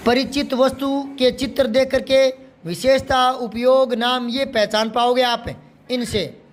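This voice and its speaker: A male Hindi teacher with a strikingly high voice works through exercises. He quizzes his students and patiently repeats each correction until it sticks. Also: little pitch movement, measured pace. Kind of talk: classroom lesson explaining a workbook.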